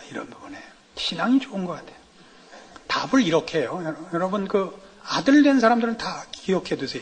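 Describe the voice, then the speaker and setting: A middle-aged man preaching a sermon as pastor, telling humorous anecdotes in a lively way. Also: sits high. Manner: lively, animated storytelling with acted quotes. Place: church sanctuary. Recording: long reverb of a church hall.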